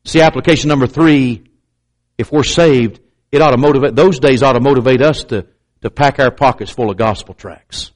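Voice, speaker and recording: Speaking at normal speed on a rough recording, this male preacher delivers his sermon emphatically and repetitively, throwing pointed remarks at the congregation. His slight stutter causes him to clamp up on words at times, and he raises his pitch to act out doubters.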